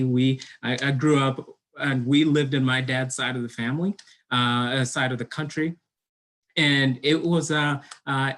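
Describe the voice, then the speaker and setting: A man's voice: medium pitch, a bit bright. Earnest young man with a Kenyan upbringing. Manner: earnest, many fillers and restarts. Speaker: college admissions counselor. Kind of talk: online presentation.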